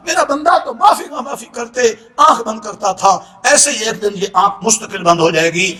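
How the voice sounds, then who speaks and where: A man preaching a sermon with impassioned force, often breaking into shouts. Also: high-pitched, roomy sound.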